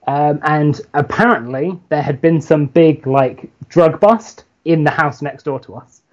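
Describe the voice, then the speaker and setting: A young man from London with a London accent, a comics writer chatting as a guest, hesitant and laid-back with many pauses. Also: a little high, lo-fi sound. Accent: London English. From London, England. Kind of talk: casual chat.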